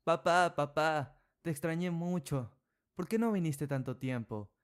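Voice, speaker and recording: A man's voice: a little slow, a little mellow, smooth, close to an everyday voice. A man voicing a clingy, tearful five-year-old girl in a storybook. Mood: pleading. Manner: high, pleading child's voice.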